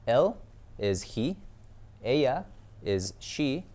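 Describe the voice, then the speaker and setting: A man's voice: mid-range voice, sing-song, drawn-out words, darkish tone. A man teaching Spanish pronouns in a lesson video, explaining patiently with many ums and uhs. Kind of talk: classroom lesson.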